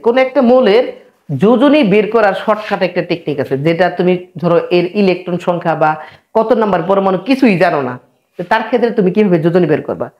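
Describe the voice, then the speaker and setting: A man teaching chemistry, patiently repeating key terms and stopping to check that students follow. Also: sits high. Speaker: chemistry tutor. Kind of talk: classroom lecture.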